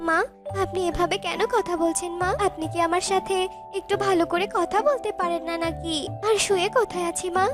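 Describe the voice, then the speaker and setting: A gentle young mother in a family cartoon, voiced by a woman. She pleads and reproaches softly in a very high voice. Music plays under her lines. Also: fairly even intonation, brisk. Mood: pleading. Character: young, tired, patient daughter-in-law and mother. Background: background music.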